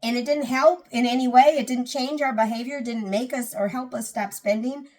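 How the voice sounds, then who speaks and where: A woman's voice: fairly high pitch, fairly even intonation, moderate pace, darkish tone. A woman vlogger talking casually about getting out of debt. She is earnest, often restarts and repeats phrases for emphasis, and sounds a little tired. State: tired, yawning. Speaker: personal finance vlogger. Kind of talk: casual talk to camera.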